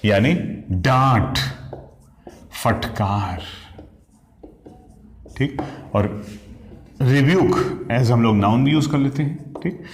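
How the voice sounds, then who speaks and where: A man's voice: medium pitch, slow pace, pauses often. A man teaching exam vocabulary, explaining each word step by step and checking in with "okay?" after nearly every phrase. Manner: mimics shrieks and howls to act out sound words. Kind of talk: Hindi-English exam vocab lesson. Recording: echoey room.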